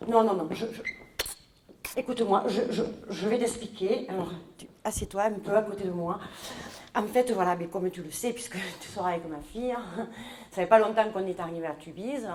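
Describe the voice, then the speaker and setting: A woman's voice: medium pitch, brisk, darkish tone, slight background noise, lightly acted. A woman playing a talkative middle-aged mother from the south of France with a southern French accent, rambling and indignant in a live comedy sketch. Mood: confiding. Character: chatty southern French mother, newcomer, scheming. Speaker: comic stage character. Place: large echoey hall. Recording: roomy live hall sound.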